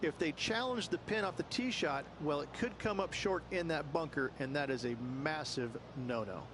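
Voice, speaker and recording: A man's voice: a little high, expressive, normal speed. Male golf commentator analysing, noisy outdoor backdrop. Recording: outdoor noise and crowd. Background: crowd and outdoor ambience.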